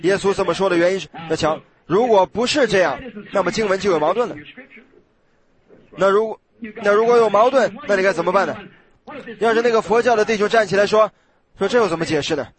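A high-voiced man delivers a sermon conversationally, acting out small dialogues and sometimes starting over with drawn-out fillers.

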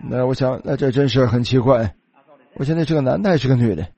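A man's voice: mid-range voice, fast, dark tone, slightly rough, no room sound, lo-fi sound. A man preaching a sermon, telling a story and starting many phrases with a filler. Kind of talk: sermon storytelling in Chinese voice-over.

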